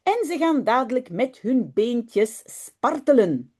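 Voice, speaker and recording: A woman teacher speaks from her home office into a webcam mic. She reads a children's story slowly and carefully, with a lively, swooping melody. Her voice is warm and mellow, pitched a bit high. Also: slightly rough. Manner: animated, friendly, slow and careful reading. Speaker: Dutch language teacher. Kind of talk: reading a children's story aloud and explaining it.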